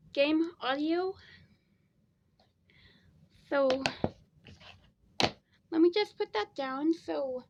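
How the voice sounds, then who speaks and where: A woman's voice: sits high, lo-fi sound. Tired woman rambling through a DVD review. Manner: rambling, repeats herself. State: tired, sleepy. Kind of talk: casual review vlog.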